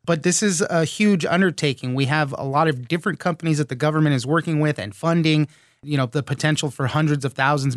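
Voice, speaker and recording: An American man hosts a news podcast in a slightly high voice. He delivers scripted reports and interview questions. The sound is dry and close, with very little room. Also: dry recording. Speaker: podcast host.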